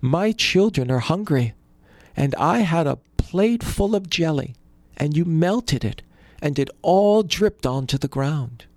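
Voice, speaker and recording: A man puts on a humble peasant who pleads in a raised, earnest voice. The voice keeps a gravelly edge. The recording is dry and close. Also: a little high, lively intonation, slow pace, a little mellow, no echo, voice pushed up. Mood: earnest pleading.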